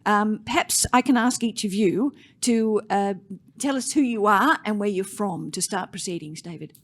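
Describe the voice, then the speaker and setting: A woman's voice: medium pitch, normal speed. An Australian woman chairing a conference panel on stage, chatty and self-deprecating, often restarting her phrases. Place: conference stage before a live audience.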